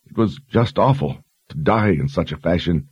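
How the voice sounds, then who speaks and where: A man's voice: deep voice, lively intonation, moderate pace, breathy edge, no room sound, muffled recording, heavily acted. A man voicing a frightened, dutiful young woman sergeant who speaks earnestly and deferentially. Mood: anxious.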